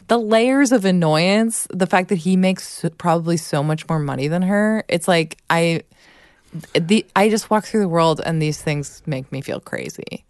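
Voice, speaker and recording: A woman co-hosting a casual podcast chat, animated, laughing often, full of fillers. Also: fairly low pitch, no room sound, studio quality.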